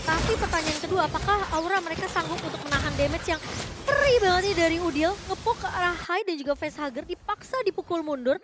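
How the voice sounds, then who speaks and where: An Indonesian woman works as an esports shoutcaster. Her pitch is strikingly high and she talks quickly, following the match with live play-by-play commentary. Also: expressive, very noisy.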